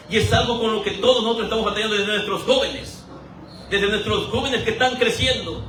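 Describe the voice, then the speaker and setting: A man preaching an animated sermon in a church, asking the congregation questions and briefly mimicking voices for laughs. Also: high voice, a little hiss or hum. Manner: animated, rhetorical questions, acts out quoted voices for humor. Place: church hall. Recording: roomy echo, voice from a distance.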